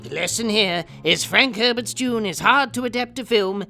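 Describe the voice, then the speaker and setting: A woman's voice: medium pitch, normal speed, gravelly, sharp tone, faint music behind. A woman giving a scripted comedic film review in a blunt, sarcastic and crude way.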